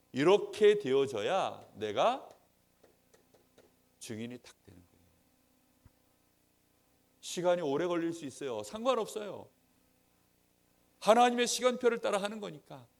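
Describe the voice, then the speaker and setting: A man preaching a sermon to young people in church, acting out quoted friends and swinging between loud emphatic lines and soft asides. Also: sits high. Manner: acts out quoted friends in dialogue. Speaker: Sunday school preacher.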